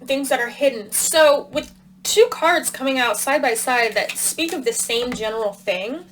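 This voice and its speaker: A woman's voice: high-pitched, unhurried, a bit bright, slight background noise, rough recording. A woman giving a casual tarot reading to her viewers, thinking aloud with plenty of fillers while talking around a cough drop. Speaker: tarot reader.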